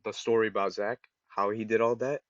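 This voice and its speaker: A man co-hosting a casual podcast, giving direct advice in an animated way and sometimes acting out example voices. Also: on the low side, brisk, no room sound, lo-fi sound. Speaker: podcast co-host.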